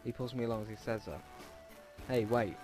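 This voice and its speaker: A man narrates a visual novel let's play fairly quickly, his medium-pitched voice steady in tone. He reads informally with asides over game music, now and then tripping over a word.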